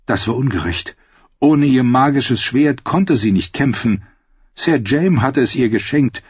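A man reading a fantasy novel aloud in scripted narration, with a husky voice. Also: medium pitch, lively intonation, measured pace, dry recording. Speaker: audiobook reader. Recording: slightly dull, dry audiobook recording.

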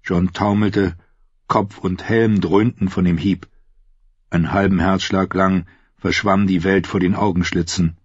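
Husky low-voiced man narrating an audiobook. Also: no room sound, highs cut off. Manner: steady, measured storytelling.

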